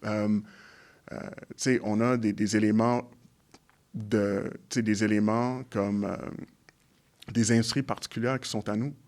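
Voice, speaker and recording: An English-speaking man from Montreal, Quebec, with a fairly low, darkish voice and fairly even intonation, appears as a guest in a conversational interview and shares his views in French. A community organization leader, he halts and restarts often while searching for words, and English phrases occasionally slip into his sentences.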